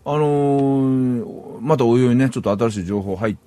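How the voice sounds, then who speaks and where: A man's voice: medium pitch, normal speed, warm tone, dry recording. A middle-aged man from Saitama, Japan, hosting a solo podcast in a rambling, casual way and chuckling at himself. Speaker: podcast host.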